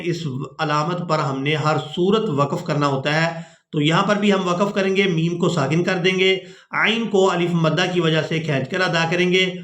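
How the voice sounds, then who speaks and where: High-voiced man teaching tajweed. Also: fairly bright tone, roomy sound. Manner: explains slowly, then chants verses drawn out. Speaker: Quran recitation teacher. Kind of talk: tajweed lesson with chanted recitation.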